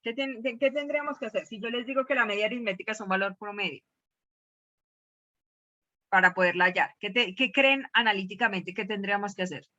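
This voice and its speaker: A woman's voice: mid-range voice, a little fast, bright, forceful tone. A woman teaching a math class, questioning her students and repeating key words. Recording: dull lo-fi class recording.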